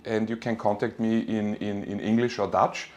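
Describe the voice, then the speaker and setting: In a muffled recording, a German-speaking university lecturer in finance talks informally during a live online class. His voice sits on the low side with a darkish tone and flat delivery at normal speed, yet his manner stays friendly and encouraging, with informal address.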